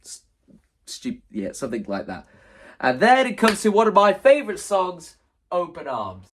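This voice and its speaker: Recorded from a distance, a man with a high, fairly bright voice swoops wildly in pitch at a moderate pace. As a video creator, he casually explains how to stage a musical in a vlog, rambling enthusiastically, cutting himself off, and performing quoted lines.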